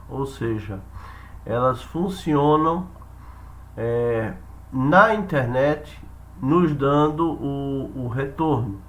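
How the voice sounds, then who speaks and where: A man with a Brazilian accent explaining software step by step, haltingly, repeating phrases and checking in with listeners. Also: mid-range voice. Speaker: instructor demonstrating software. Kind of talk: spoken tutorial, explaining step by step.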